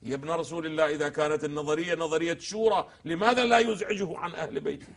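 Husky, high-pitched, fast-talking male scholar. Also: fairly even intonation. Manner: emphatic, poses fill-in questions to the host; quotes texts slowly and solemnly. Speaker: religious scholar on a TV discussion show. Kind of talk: explanatory religious discussion.

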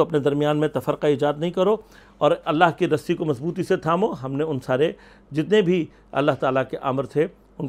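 A man's voice: fairly high pitch, darkish tone. A man teaching Quran commentary, explaining verses with rhetorical questions and quoted Arabic. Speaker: religious scholar.

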